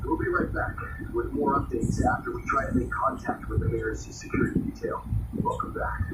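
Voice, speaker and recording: A man's voice: fairly quick, natural voice. Casting: male actor as grave, alarmed emergency radio host for a drama, urgent, echoey and far from the mic. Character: alarmed radio news host during apocalyptic outbreak. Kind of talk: radio drama news broadcast. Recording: very noisy, echoey, distant radio broadcast.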